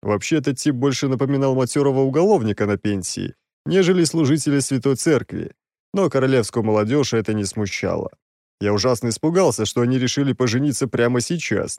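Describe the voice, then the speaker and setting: A man's voice: mid-range voice, darkish tone, dry recording. Wry male audiobook narrator, dry sound. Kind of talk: scripted first-person narration.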